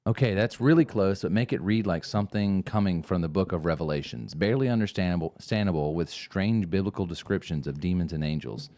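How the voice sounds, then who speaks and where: A man with a very deep, low voice chats loosely on a live podcast. He reads ornate text in a mock-solemn tone, laughing and stumbling over the big words. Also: fast, hardly any pauses, mellow. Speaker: podcast co-host. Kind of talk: casual live podcast chat, mock-solemn reading aloud.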